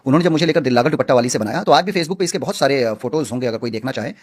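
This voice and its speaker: Fast-talking earnest man. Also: medium pitch. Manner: emphatic, earnest, outspoken. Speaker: film actor guest. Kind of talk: interview answers.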